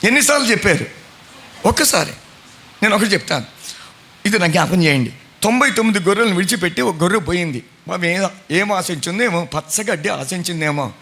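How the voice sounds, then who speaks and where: Middle-aged pastor guy preaching, high voice, keeps quizzing the crowd. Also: expressive, a little fast, bright, forceful tone. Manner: questioning the congregation, conversational preaching. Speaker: pastor and Bible college principal. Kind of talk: sermon.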